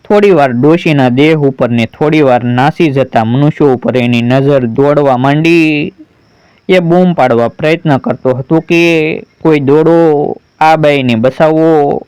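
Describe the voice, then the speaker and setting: A man reads a folk story aloud in a slow, deliberate, dramatic manner. His voice is smooth and clear, a little high for a man. The sound is dry and close. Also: a little mellow, dry recording, low-quality recording. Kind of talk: scripted story narration.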